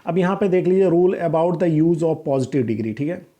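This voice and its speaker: Male teacher with a dark, mellow voice. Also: on the high side, lively intonation. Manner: explains in Hindi, reads English rules slowly and deliberately; frequent "theek hai" check-ins, self-corrections. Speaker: English grammar teacher. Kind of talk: recorded classroom lesson.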